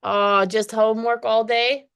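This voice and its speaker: A woman's voice: a little high, little pitch movement, unhurried, creaky, a bit bright, clear, resonant tone. A woman teaching an online English lesson, chatty and encouraging, with frequent laughs; she is dizzy today. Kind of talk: one-on-one online lesson chat.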